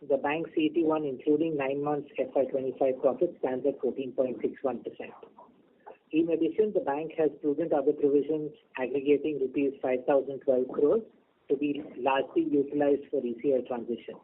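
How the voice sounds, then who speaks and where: A man, a bank executive reading prepared earnings remarks over a conference call, measured and steady through lists of figures. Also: medium pitch. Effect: conference call over a phone line. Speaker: bank executive presenting results. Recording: tinny phone line with faint noise.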